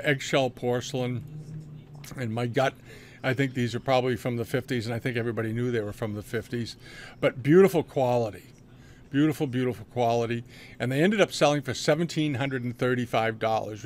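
A man's voice: medium pitch, a little hiss or hum. An older man casually commenting on auction results over a screen share, rambling with many fillers and restarts, recorded on a webcam indoors. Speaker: antiques dealer reviewing auctions.

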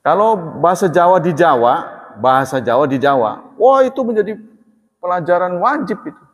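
A man teaching religion in a relaxed, chatty way, joking and laughing as he talks. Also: high-pitched, moderate pace. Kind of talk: casual religious talk. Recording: long hall reverb.

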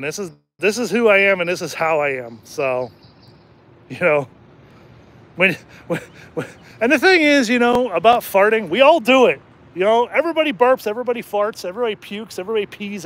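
A man hosting a casual livestream outdoors at night, jokey and rambling, his throat slightly hoarse from talking. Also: high-pitched, fairly bright tone. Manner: rambling and jokey, laughs often. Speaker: channel host and rideshare driver.

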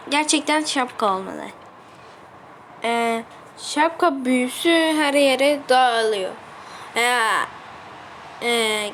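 A woman voicing a sandbox game skit, yelling in panic with frequent slang exclamations, on a noisy home recording. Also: a little high. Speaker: channel creator voicing game characters.

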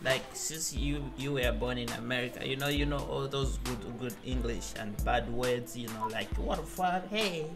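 A man's voice: medium pitch, normal speed, few pauses, loud music behind the voice. A man hosting a trolling video chat, teasing and flirting in a playful put-on persona, talking through a gaming headset in a small bedroom. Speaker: prank video chat host.

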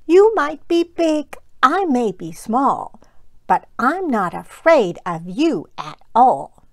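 Storybook girl: small and brave, taunting in singsong rhymes, voiced by a woman reader, pitched up and animated. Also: slow pace, no echo, clean studio sound, exaggerated voice. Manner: sing-song taunting rhymes.

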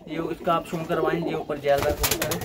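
A man's voice: a little high, flat delivery, a little fast, background noise. A man showing his pigeons on a rooftop, patiently explaining them with examples in casual chat.

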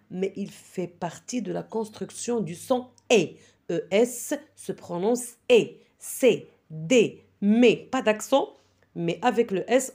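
Patiently leading a primary-level spelling lesson, a middle-aged woman speaks in a mid-range, slightly mellow voice. She keeps checking in with the children and their parents, frequently saying "d'accord?".

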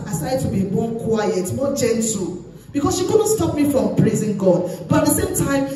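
A middle-aged woman pastor from Nigeria preaches in a church, telling her own story in an animated way and jumping up in pitch to drive a point home. Her voice carries from some distance away from the microphone. The recording is heavy with echo from the hall. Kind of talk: sermon. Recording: echoey church hall, voice from far off.

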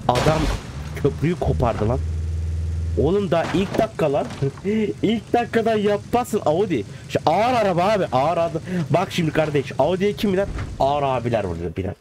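A man with a fairly high voice banters loosely through a car crash game, teasing and yelling at the vehicles. Clear engine and crash sounds from the game play behind him. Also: slight background noise. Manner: playful slangy banter, shouting at cars. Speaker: gaming channel host. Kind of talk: casual gameplay commentary.

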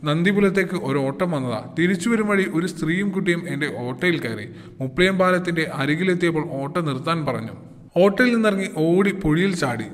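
An auto-rickshaw driver giving an urgent, matter-of-fact report on the phone, voiced by a man reading aloud. His voice sits slightly high and echoes with a long reverb. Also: lightly acted.

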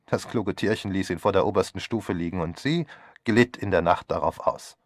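A man's voice: low-pitched, moderate pace, no room sound, clean studio sound. A man reading an audiobook voices a flippant young man who talks in a breezy, sardonic way. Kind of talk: audiobook character voice.

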